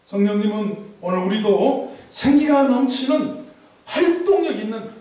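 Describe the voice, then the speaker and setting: A male pastor from Chungcheong preaching a lively, humorous sermon to his congregation. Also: high voice, measured pace. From Chungcheong, Korea. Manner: animated preaching with humor and mimicked dialect. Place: church sanctuary. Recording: echoey church hall from a distance.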